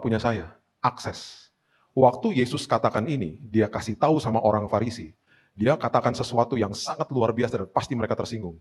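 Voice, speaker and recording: A middle-aged man preaching a sermon as a pastor, telling stories with humorous asides. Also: mid-range voice. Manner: animated storytelling with humorous asides.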